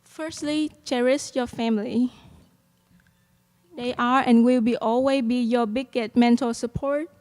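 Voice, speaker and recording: A young adult woman with a Vietnamese accent gives a commencement speech as a student speaker at a graduation, talking earnestly into a podium microphone. Her fairly high voice, with fairly even intonation, rings out with long reverb through a large hall, and she fills pauses with frequent soft ums and light laughs.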